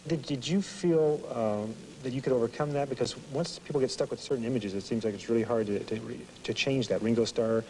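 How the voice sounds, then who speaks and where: A man interviewing someone informally, halting and rephrasing his questions as he goes. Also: mid-range voice, mellow, slight background noise, low-quality recording.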